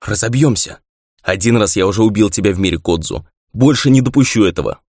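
A man's voice: on the low side, animated, brisk, a little mellow, breathy edge, no echo. A determined young acrobat woman speaks in short, tense lines, a little raised, as a male narrator gives her voice. The reading is dry and close to the microphone.

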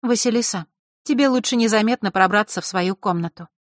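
A man voicing a calm, sly young fairy girl in an audiobook, speaking gently and innocently. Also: sits high, brisk, no room sound, clean studio sound, pitched above the performer's own voice.

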